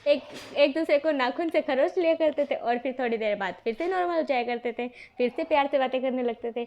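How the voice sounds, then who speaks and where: A woman's voice: high-pitched, fairly quick, a little mellow, dull audio. A woman voicing a cheerful, affectionate middle-aged mother who speaks fondly and reassuringly in a storybook reading. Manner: fond, reassuring.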